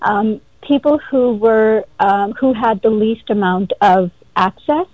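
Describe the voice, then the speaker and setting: A woman who grew up in India, a guest calling in, speaking in an earnest, measured way. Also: fairly high pitch, dry recording. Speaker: guest, executive director. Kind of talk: casual interview over a call. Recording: dull phone-call audio.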